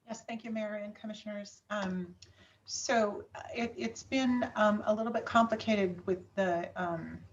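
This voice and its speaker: A woman's voice: medium pitch, a little slow, a little hiss or hum. Hesitant woman finance director, off-mic. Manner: hesitant, quiet, many ums and restarts. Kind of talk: formal public meeting remarks. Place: city council meeting. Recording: distant from mic, dull audio.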